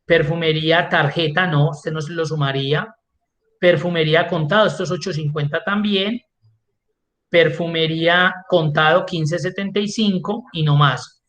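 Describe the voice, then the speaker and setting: A man's voice: a little high, fairly even intonation, moderate pace, fairly bright tone. A man teaching an online class as an instructor, explaining step by step and answering his own questions. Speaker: Excel instructor.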